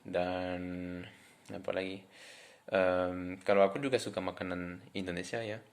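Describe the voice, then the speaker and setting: Male vlogger, French native speaking Indonesian as a foreigner with a French accent: deep voice, flat intonation, hesitant casual delivery. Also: a little slow. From France. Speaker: vlogger introducing himself. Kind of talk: casual talk to camera.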